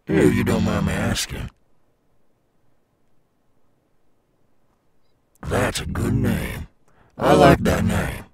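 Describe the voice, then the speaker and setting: A deep, slow-talking robot alligator rockstar, acted by a man for an ASMR audio roleplay. He swaggers with a gravelly edge as he coaxes a young listener, his pitch swinging freely. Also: darkish tone, exaggerated voice. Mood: easygoing, friendly. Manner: slow, coaxing, addressing a child listener. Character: cool, swaggering male animatronic alligator rockstar guarding his golf course.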